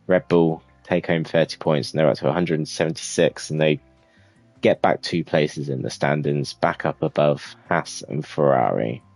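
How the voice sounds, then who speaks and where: A man casually commentating his own racing management game, relaxed and rambling with many fillers. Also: very deep voice, moderate pace, vocal fry, no room sound, soft background music. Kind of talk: casual let's-play commentary.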